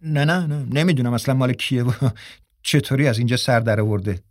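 A man's voice: mid-range voice, dry recording, studio quality, close to an everyday voice. A male narrator voicing a young actor who apologizes hurriedly yet keeps a proud, defiant edge. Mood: apologetic.

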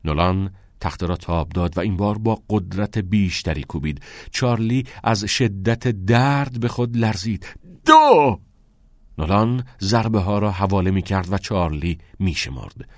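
A man reading a novel aloud as an audiobook narrator in a steady, measured way. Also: low-pitched, no room sound, studio quality. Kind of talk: scripted narration.

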